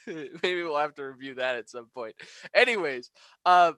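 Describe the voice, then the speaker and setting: A man's voice: on the high side, lively intonation, slow pace, bright, forceful tone, dry recording. A man co-hosting a podcast review, chatting casually, laughing often and swearing freely. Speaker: podcast co-host.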